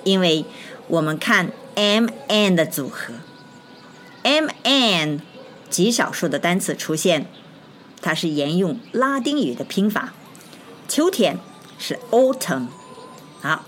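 A woman teaching an English phonics lesson, speaking slowly and deliberately, spelling out letters and repeating each word. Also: lowish voice.

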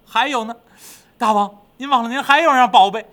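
A man's voice: extremely high pitch, a little fast, pushed and bright, voice pushed up. A man voicing a fawning little male demon servant who reports to his master eagerly.

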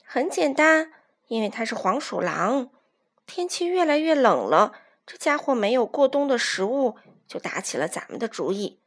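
A woman's voice: fairly high pitch, very animated, normal speed. A woman doing a patient mother hen. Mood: explaining. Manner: patient, explaining.

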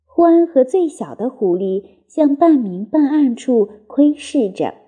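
A woman reading a children's story aloud in a lively, expressive way. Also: sits high, takes it slowly, husky.

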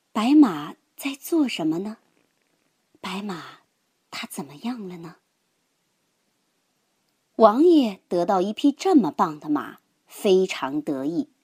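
Slow, breathy woman telling a children's story. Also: medium pitch, no echo, clean studio sound. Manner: gentle, expressive, dramatic storytelling.

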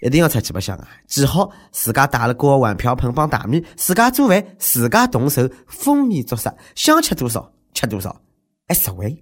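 A man's voice: mid-range voice, very animated, fairly quick. A man with a Shanghai accent hosting a comic news commentary, speaking in a sarcastic, mocking, conversational way.

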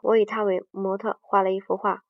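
A woman's voice: medium pitch, little pitch movement, a little fast, dry recording. A woman reading a book aloud, often stumbling, restarting and correcting herself mid-sentence. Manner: hesitant reading with frequent restarts and self-corrections. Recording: dull distant dry sound.

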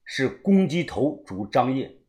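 A man narrating a serialized story in lively, dramatic storytelling. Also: mid-range voice, slow pace. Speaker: audiobook narrator.

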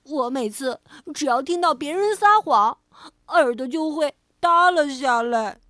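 A woman voicing an excitable, prank-loving little rabbit in a children's story, with dramatic wails and loud teasing. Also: sits high, measured pace, no echo, clean studio sound. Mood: accusing.

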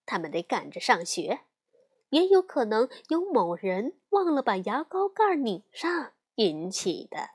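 Woman reading a kids bear story, slow and really lively, bit high voice. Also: breathy edge. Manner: expressive, unhurried storytelling.

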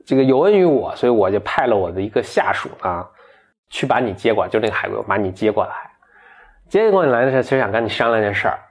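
A man's voice: fairly low pitch, big pitch swings, fast, breathy edge, heavily acted. Man voicing a polite dragon princess. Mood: gentle. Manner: polite, persuasive. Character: graceful young dragon princess, gentle but firm.

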